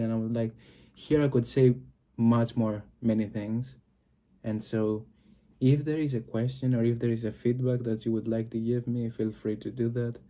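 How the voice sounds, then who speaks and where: Speaking with a Greek accent in a warm, medium-pitched voice, this video host from Greece reflects alone on camera. He keeps hunting for words, filling gaps and restarting often.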